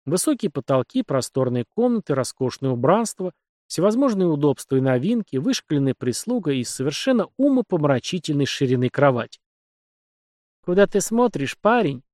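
A man reading an audiobook in a measured, even storytelling manner. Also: on the high side, dry recording, clean studio sound. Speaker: audiobook narrator. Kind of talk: scripted narration.

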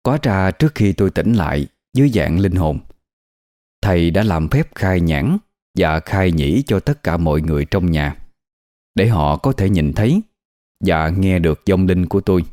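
A man narrating a scripted ghost story in a measured, steady way. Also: low-pitched, dry recording, clean studio sound.

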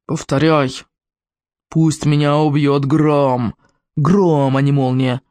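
A man's voice: sits high, sing-song, normal speed, no room sound. A man reading a storybook, voicing a boastful, bossy schoolboy who speaks in a solemn, commanding way.

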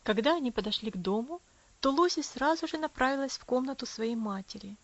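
High-voiced woman reading a story. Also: animated, brisk. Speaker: audiobook reader. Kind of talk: scripted narration. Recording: dull lo-fi audio.

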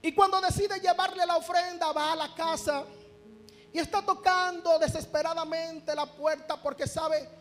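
A man's voice: extremely high pitch, steady tone, moderate pace, fairly bright tone, soft background music. A man preaching a sermon at a church retreat. He reads scripture aloud and calls out fervently for amens and praise.

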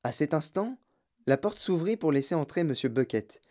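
A narrator reading a children's novel aloud with a lively, expressive delivery. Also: medium pitch, a little fast. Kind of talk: audiobook narration.

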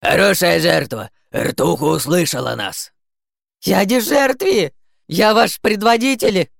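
Squealing, panicked goblin for an audiobook, very high and raspy. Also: male voice, lively intonation, takes it slowly, no echo, studio quality, full character voice. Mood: desperate. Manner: squealing desperately. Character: panicked male goblin narrator, squealing orders. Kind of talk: audiobook character voice.

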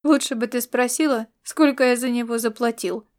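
A woman's voice: on the high side, fairly even intonation, moderate pace, a little mellow, close to an everyday voice. A woman voicing a wry young earthling man who teases and grumbles, in an audiobook. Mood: teasing. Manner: teasing, grumbling. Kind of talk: audiobook character voice.

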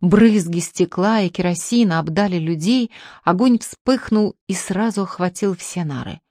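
A woman narrating a novel as an audiobook in a steady, measured, dramatic way. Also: on the low side, dry recording, studio quality. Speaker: audiobook reader.

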